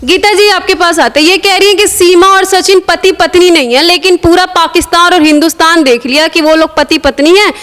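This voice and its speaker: A woman interviewing guests for a news channel, asking brisk, pressing questions. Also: extremely high pitch, steady tone, fairly bright tone, long reverb tail.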